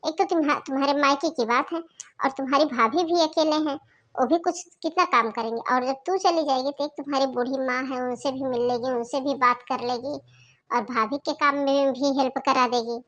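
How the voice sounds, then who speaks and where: A woman voicing a kindly older mother-in-law in a cartoon, giving advice in a gentle, persuasive way. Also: high-pitched, steady tone, normal speed. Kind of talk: cartoon voice acting.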